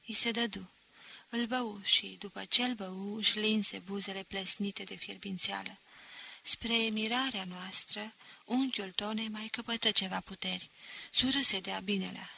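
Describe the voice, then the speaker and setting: Casting: woman audiobook narrator, measured literary reading, bright clear tone. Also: mid-range voice, steady tone, low-quality recording.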